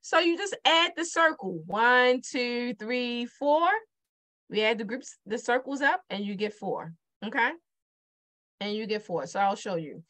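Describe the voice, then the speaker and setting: In an unhurried, expressive voice that's a little high and a bit bright, a middle-aged math teacher from Baltimore explains multiplication on a digital whiteboard. The lesson is casual; she chats freely and repeats her questions to the viewer.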